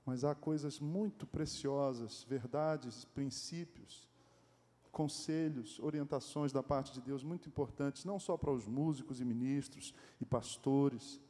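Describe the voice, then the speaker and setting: A pastor with a Brazilian accent preaching a sermon in a church, animated and joking, often asking the congregation rhetorical questions. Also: male voice, medium pitch, a little slow. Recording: echoey church hall.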